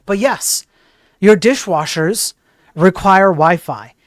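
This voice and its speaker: This tech streamer and programmer has a high voice and takes it slowly, yet stays emphatic and opinionated, drifting into digressions and rhetorical questions. The studio sound is clean and echo-free.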